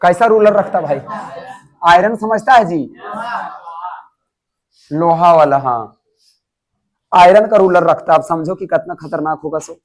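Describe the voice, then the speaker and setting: Young male classroom teacher, high-pitched, animated lecturing with constant questions to students. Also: unhurried, pauses often, rough recording. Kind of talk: classroom lecture explaining an English story.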